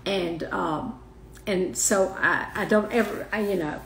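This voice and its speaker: An older woman in a heartfelt interview, talking softly and haltingly and circling back on her words. Her voice sits in a middle register. The sound is roomy, with a faint hiss underneath. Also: mid-range voice, vocal fry. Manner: soft, halting, with many restarts and fillers. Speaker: guest, mother of the host. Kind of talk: emotional personal interview. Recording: roomy echo.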